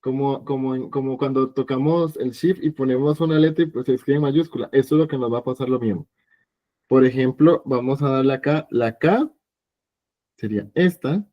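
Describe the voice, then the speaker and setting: A man teaching an evening language class, patient and explanatory, slowly repeating sounds for his students. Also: mid-range voice, darkish tone. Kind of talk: online class lesson.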